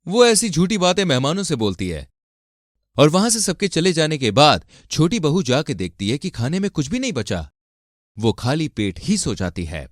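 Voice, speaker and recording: Lively male storybook narrator. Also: on the high side, dry recording, clean studio sound.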